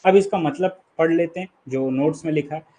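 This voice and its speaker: A man's voice: a little high, fairly quick, warm tone. A man from India with an Indian accent, teaching an online exam-prep lecture. He explains key terms patiently, repeats them, and keeps checking that the students follow. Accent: Indian English.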